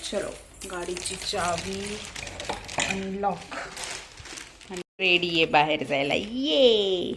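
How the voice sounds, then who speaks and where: A young woman with a Marathi accent chatting in a family vlog, talking softly to the camera and calling out loudly to her small children. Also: lowish voice, slow, long pauses, heavy background noise. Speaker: vlogger and mother. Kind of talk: casual family vlog chat. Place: home and school grounds.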